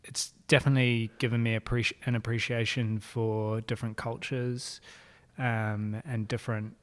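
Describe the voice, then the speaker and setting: A man in his thirties, born in France and raised in England, Dubai and New Zealand, talks through a casual podcast interview in his shop, relaxed and rambling, with many fillers and restarts. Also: medium pitch, normal speed. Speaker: guest, shop owner.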